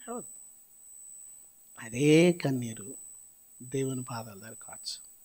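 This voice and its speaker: A male pastor with a Telugu accent preaching a sermon, swinging between loud outbursts and quiet murmurs and questioning the congregation. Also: mid-range voice, slow pace. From South India. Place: church hall.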